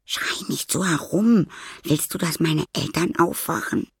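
A man voicing a feisty young girl who scolds in hushed, sharp tones. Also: mid-range voice, big pitch swings, measured pace, gravelly, breathy edge, no room sound, studio quality, voice pushed up, heavily acted. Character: spirited young girl, bold and quick.

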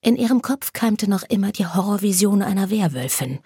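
Breathy woman narrating a story. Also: medium pitch, fairly quick, no room sound, clean studio sound. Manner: even, storytelling delivery. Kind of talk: scripted narration.

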